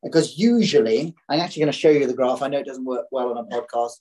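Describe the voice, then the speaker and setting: Male financial commentator, croaky throat, conversational podcast delivery with halting restarts and repeated phrases. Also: mid-range voice, warm tone.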